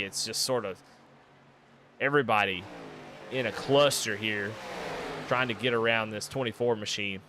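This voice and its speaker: A man with a drawl calls a live race in casual, folksy play-by-play. His voice is bright and forceful, and it climbs high and loud whenever cars make contact. A faint hum of noise sits behind him. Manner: excitable, rising sharply and loud during wrecks; folksy, casual Southern phrasing. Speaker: race commentator. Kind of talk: live sim racing play-by-play commentary.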